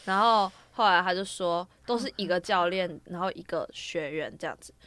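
A woman's voice: lowish voice, normal speed, fairly bright tone, no echo. A young woman, telling a long story on a casual podcast, rambling from clause to clause with fillers. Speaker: podcast co-host.

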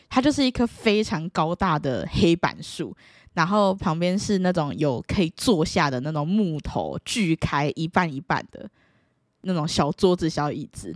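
Animated woman storyteller. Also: dry recording, clean studio sound. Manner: animated, playful, bursts into high excited exclamations. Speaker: vlogger. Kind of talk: casual storytelling to camera.

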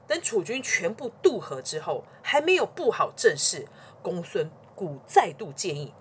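A woman telling a history story to children in an animated, expressive way. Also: lowish voice, moderate pace, husky.

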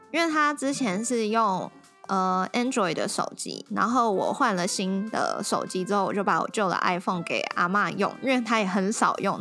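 Laughing young woman telling a story. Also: medium pitch. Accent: Taiwanese Mandarin. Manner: lively storytelling, often laughing. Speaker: podcast co-host. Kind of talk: casual chat.

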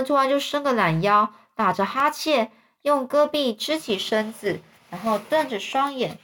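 A woman's voice: mid-range voice, a bit bright. A woman retelling a children's story in a chatty way, often rephrasing to explain.

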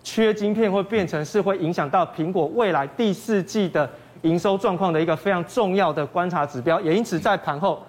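A man with a high voice and a Taiwanese Mandarin accent speaks fairly quickly, with hardly any pauses, as a guest analyst on finance. He breaks things down stepwise and answers his own questions.

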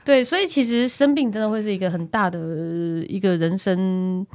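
A woman's voice: mid-range voice, normal speed, darkish tone, dry recording, clean studio sound. A woman with a Taiwanese Mandarin accent hosting a casual, joking interview chat. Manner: joking, teasing. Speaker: podcast host.

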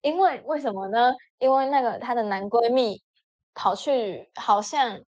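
Animated woman telling a story, lo-fi audio. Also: measured pace. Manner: animated, acts out friends' lines with sudden pitch jumps. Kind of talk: casual storytelling chat. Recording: dull lo-fi audio.

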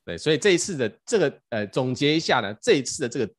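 Animated man telling a story. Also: mid-range voice, quick pace. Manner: animated, acts out quotes, stammers restarts. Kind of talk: casual storytelling chat.

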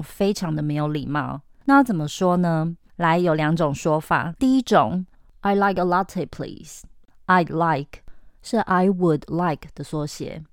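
A woman from Taiwan with a Taiwanese Mandarin accent hosts a podcast English lesson. Her voice is fairly low and smooth, recorded close and dry. She coaxes and drills, slowing down to model each phrase. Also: dry recording. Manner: lively, coaxing teacher who models phrases slowly. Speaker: English teacher.

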